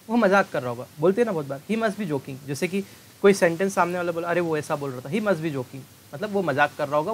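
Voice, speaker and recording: A man teaching English grammar in an exam-prep video lesson, explaining in Hindi and reading English example sentences slowly and with emphasis. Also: on the high side, low-quality recording. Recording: faint hiss.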